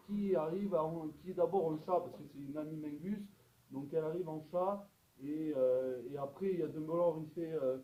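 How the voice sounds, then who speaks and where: A fairly high-voiced man hosts a comedic film review, rambling along with hesitations and then bursting out loudly. The recording is echoey and a bit dull and lo-fi. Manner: rambling, hesitant, with sudden loud outbursts. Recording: echoey room, dull lo-fi sound.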